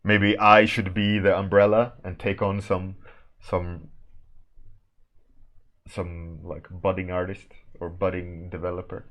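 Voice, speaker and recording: A Swedish man with a Swedish accent draws on a warmup stream, chatting casually, rambling, restarting and laughing often as he answers chat. His deep voice holds a level, fairly bright tone, and he speaks slowly with frequent pauses.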